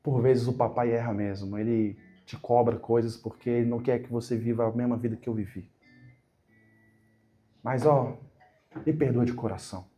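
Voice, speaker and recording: A man voicing a remorseful, loving father who speaks softly and tenderly. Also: mid-range voice, fairly even intonation, moderate pace, soft background music, pitched below the performer's own voice, natural voice.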